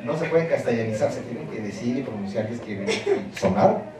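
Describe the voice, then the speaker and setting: Male lecturer, mid-pitched, emphatic and explanatory, heard from far off in a booming lecture hall with an audience. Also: animated, brisk, a crowd in the background. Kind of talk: university lecture. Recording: very echoey hall, mic far off, audience noise.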